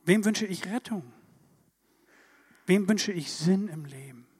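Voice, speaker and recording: High-voiced emphatic preacher in a hall. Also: male voice, takes it slowly, slightly rough. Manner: lively, emphatic preaching with rhetorical questions. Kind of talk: sermon. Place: church hall. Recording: church hall reverb.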